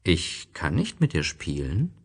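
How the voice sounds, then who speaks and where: A man voicing a wise, wary wild fox in a storybook reading, explaining things in a measured, patient way. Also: low voice, huge pitch swings, breathy edge, heavily acted. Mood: shy, reserved.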